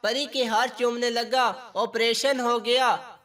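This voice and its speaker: A man narrating a family story in a plain, steady reading voice. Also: very high-pitched, slow.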